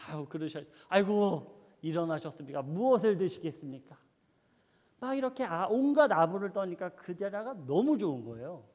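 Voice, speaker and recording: A man preaching a sermon, telling a story with animation and quizzing his audience. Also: high-pitched. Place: church. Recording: long church hall reverb.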